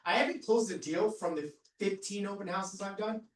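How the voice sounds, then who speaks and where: A man's voice: high voice, normal speed. A man on a discussion panel who talks casually, with many fillers. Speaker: real estate agent panelist. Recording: echoey room, mic at a distance.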